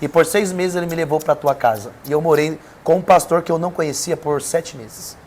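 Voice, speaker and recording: A Brazilian preacher, appearing as a podcast guest, tells an emotional personal testimony in a Brazilian Portuguese accent. His voice is brisk, darkish and on the high side, and his earnest, emphatic storytelling builds in intensity. Slight background noise is present.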